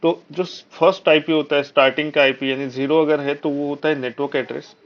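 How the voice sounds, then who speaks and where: This networking teacher has an Indian accent and a voice on the high side, with fairly even intonation and a slightly quick delivery. During his live technical lecture he breaks each point into steps, checks in frequently, and mixes in English terminology. The sound is dull, like lo-fi online class audio.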